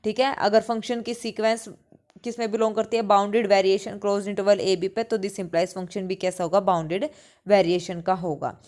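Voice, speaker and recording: A woman's voice: mid-range voice, steady tone, moderate pace, darkish tone. A woman teaching a maths exam-prep lecture, mixing English terms into her speech, asking questions and answering them herself, repeating key points. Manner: mixes English math terms into Hindi speech. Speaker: mathematics teacher.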